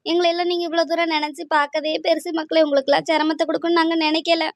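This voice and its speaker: A woman plays a weary, frightened old wife in a cartoon, speaking. Her voice is very high and flat, and she talks quickly and plaintively, close and dry. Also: dry recording. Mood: despairing. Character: elderly grieving wife, fearful and weary.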